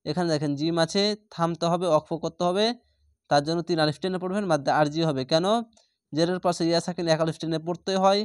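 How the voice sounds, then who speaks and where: Man slowly spelling out recitation. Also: on the high side, fairly even intonation, dry recording, studio quality. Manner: spells syllables aloud, then chants words slowly and drawn out. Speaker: Quran reading teacher. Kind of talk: slow spelled-out recitation lesson.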